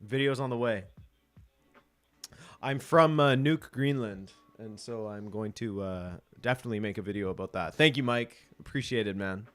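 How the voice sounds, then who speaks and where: A man's voice: fairly low pitch, moderate pace, fairly bright tone, faint music behind. A man hosting a live football watch-along stream, chatting casually, chuckling and reading viewer comments aloud.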